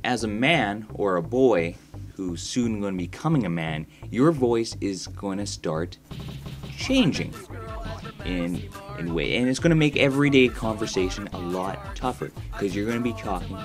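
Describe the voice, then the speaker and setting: A young man giving crude, sarcastic gameplay commentary in a laid-back storytelling manner. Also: on the low side. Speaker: gaming commentator. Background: faint background music.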